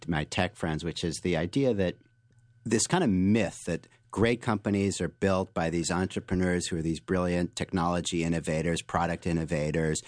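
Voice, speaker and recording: Deep-voiced man explaining with energy. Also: no room sound, clean studio sound. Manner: animated explainer, frequent restarts and fillers. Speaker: author and guest. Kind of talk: interview answers, storytelling.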